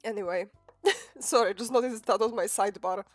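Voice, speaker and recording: A young adult woman, a streamer and animator, chats casually on a live stream while she works, rambling, poking fun at herself, and giggling often. Her medium-pitched voice moves at normal speed, a bit sniffly from a cold, in a dry recording with soft background music.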